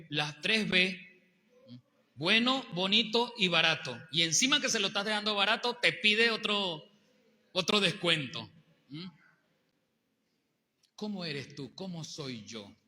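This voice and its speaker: A male pastor, preaching a sermon with animated rhetorical questions to the congregation. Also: a little high. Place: church hall. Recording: long hall reverb.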